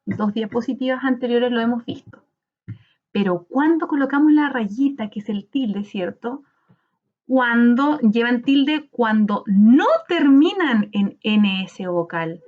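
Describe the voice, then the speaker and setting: A woman teacher with a Chilean Spanish accent, giving a recorded lesson and sounding out syllables slowly. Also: fairly high pitch, lively intonation, dull audio. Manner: slow, sounds out syllables in a drawn-out voice.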